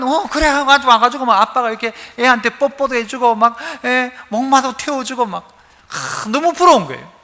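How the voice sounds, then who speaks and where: A male pastor giving a sermon, animated, asking the congregation questions as he preaches. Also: very high-pitched. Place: church sanctuary. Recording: reverberant church hall.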